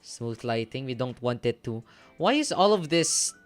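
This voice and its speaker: A man's voice: mid-range voice, very animated, unhurried. A man in his twenties chatting casually while streaming a game, hesitant, with many ums and restarts. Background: faint game music.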